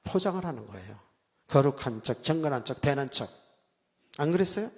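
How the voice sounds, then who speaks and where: A middle-aged male pastor preaching a sermon, telling stories with lively asides and mimicking a shouting revival preacher. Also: medium pitch, a little fast. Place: church sanctuary. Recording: church hall reverb.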